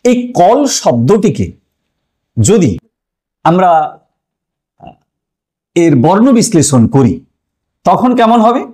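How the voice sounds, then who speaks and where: A man's voice: sits high, big pitch swings, slow pace, long pauses, mellow, slightly rough. A male teacher explaining a language lesson. He asks questions and then answers them himself, stresses key words and addresses the viewers as friends.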